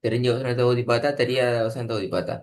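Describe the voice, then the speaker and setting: A man's voice: medium pitch, fairly even intonation, quick pace, darkish tone. A man teaching Quran recitation in a one-on-one online lesson, patiently repeating points and checking understanding. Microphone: video call.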